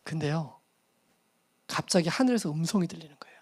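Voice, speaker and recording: A man's voice: on the high side, animated, a little fast, darkish tone, husky. A middle-aged male pastor telling a personal story in a sermon, acting out the voices and laughing at himself.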